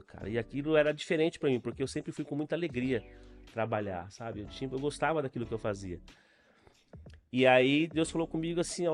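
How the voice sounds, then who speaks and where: A middle-aged man with a Brazilian accent, a podcast guest giving an earnest, casual testimony full of fillers. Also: medium pitch. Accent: Brazilian Portuguese. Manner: earnest, storytelling with frequent fillers.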